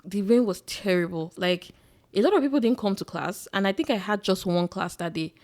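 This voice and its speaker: A young woman with a Nigerian accent co-hosts a casual podcast, telling long stories packed with filler words. She talks at a fast clip, with a pitch that sits right in the middle. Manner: rambling, animated storytelling with many "like"s. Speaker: podcast co-host. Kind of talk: casual chat.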